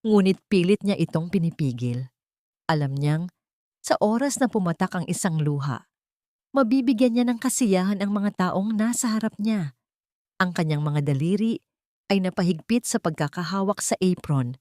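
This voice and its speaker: A woman with a mid-range, darkish voice narrates a scripted dramatic story as an audiobook reader. The recording is dry and studio quality.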